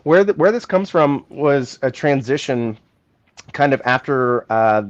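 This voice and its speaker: A podcast co-host with a medium-pitched, lively voice talks through a political topic at a measured pace, thinking aloud in long explanations during a casual chat. The recording is muffled.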